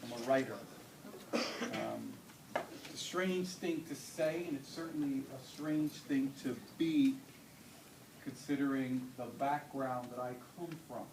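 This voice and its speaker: A man's voice: mid-range voice, sing-song, slow pace, darkish tone. Casual man talking to students in an echoey hall. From Dominican Republic. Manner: casual, conversational, often checks in with a questioning "yeah?". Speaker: guest speaker. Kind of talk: informal talk to students. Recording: echoey room from far off, noisy.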